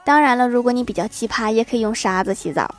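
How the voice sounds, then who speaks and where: A woman's voice: a little high, quick pace. A woman hosting a casual podcast, reading out listener messages in a cheerful way and laughing often as she chats. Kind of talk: casual chat.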